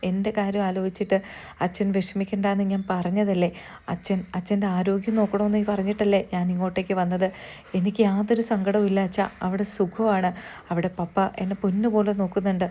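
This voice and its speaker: A woman's voice: mid-range voice, little pitch movement, brisk, warm tone, lightly acted. A woman voicing a tearful, loving young daughter who pleads and reassures.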